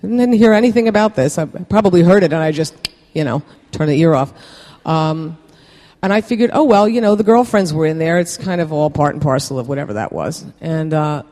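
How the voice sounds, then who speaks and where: Man, personal recovery share, candid, self-deprecating, halting with fillers, somewhat high voice, reverberant hall. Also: darkish tone. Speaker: recovery meeting speaker. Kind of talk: personal recovery story told to a meeting.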